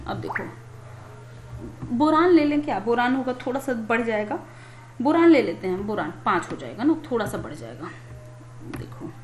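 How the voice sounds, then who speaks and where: A woman teaching a chemistry lesson in a conversational way, asking questions and answering them herself. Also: sits high. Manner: conversational, asks and answers her own questions. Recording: echoey room with faint noise.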